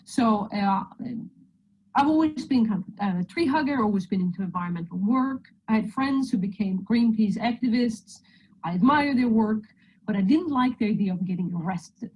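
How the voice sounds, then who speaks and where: This guest presenter, a woman from Sweden, jokes her way through a friendly talk on a video call microphone, her Swedish accent clear. She speaks at normal speed in an animated, medium-pitched voice that is darkish and husky. Audio quality is poor.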